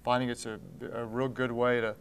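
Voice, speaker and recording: The speaker, a pastor and church founder in his thirties, is interviewed in a TV studio against blue drapes. His medium-pitched delivery is flat and a little fast, with a little hiss or hum in the recording. He is earnest, gestures with both hands, and keeps restarting his sentences.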